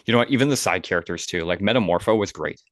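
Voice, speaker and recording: A man's voice: deep voice, racing, no room sound, studio quality. A man co-hosting a casual movie podcast, rambling and enthusiastic with lots of fillers. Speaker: podcast co-host. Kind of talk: casual movie review chat. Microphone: podcast microphone.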